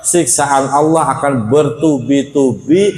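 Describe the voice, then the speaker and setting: A man teaching a Quran study lecture in a casual, conversational way, often addressing his listeners as sir, and reading Arabic phrases slowly before explaining them. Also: mid-range voice, a little mellow, reverberant. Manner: conversational, addresses audience as Pak.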